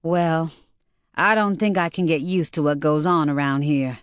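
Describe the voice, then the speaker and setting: A woman's voice: low-pitched, fairly even intonation, measured pace, clean tone, no room sound, studio quality. A woman narrator voicing a shaken young woman care worker who whimpers and stammers. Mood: flat.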